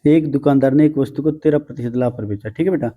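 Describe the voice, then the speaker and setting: A man's voice: mid-range voice, quick pace, phone-quality sound. A man teaching a math lesson to students, patient and coaxing, often calling them "beta" and teasing them a little.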